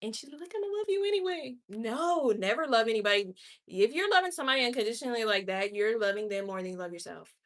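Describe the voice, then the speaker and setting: A fast-talking livestream host in her late twenties, she has a fairly high, expressive voice. She chats with candor and strong views, responding right to her viewers' comments.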